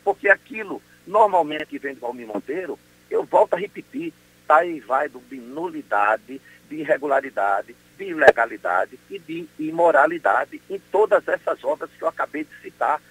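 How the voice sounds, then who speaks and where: Indignant man, gravelly, lively pitch. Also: moderate pace, rough recording. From Brazil. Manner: emphatic, indignant, insistent. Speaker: public prosecutor. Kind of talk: phone interview on morning radio.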